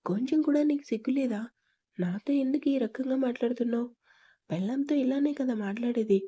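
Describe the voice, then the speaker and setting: A woman voicing a possessive, domineering young husband in a storybook reading, stern and threatening, with a husky tone. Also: on the high side, brisk, dark tone, lo-fi sound. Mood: menacing.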